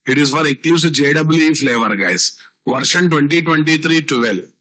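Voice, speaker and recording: A man's voice: fairly high pitch, normal speed, sharp tone. A man with a South Indian Telugu accent teaching a live online programming class, repeating key phrases and asking rhetorical questions. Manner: repetitive teaching with rhetorical questions and tag words. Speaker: software instructor.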